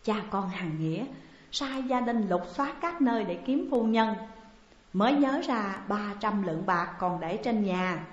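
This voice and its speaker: Woman narrator, middle pitch, steady audiobook reading, muffled lo-fi sound with long reverb. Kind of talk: audiobook reading of a classic novel. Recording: dull echoey recording, long reverb.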